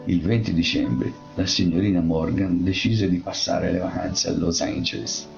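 A man narrating a story aloud in a measured way, with small restarts. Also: sits low, creaky. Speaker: audiobook narrator. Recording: dull lo-fi audiobook with faint music.

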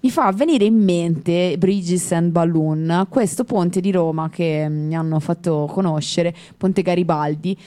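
A woman co-hosts a music radio show in loose, easygoing chat. Her voice sits low, with a dark, mellow tone. She wanders from one tangent to the next and laughs easily. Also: measured pace, few pauses. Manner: chatty, digressive, laughs easily. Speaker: radio co-host.

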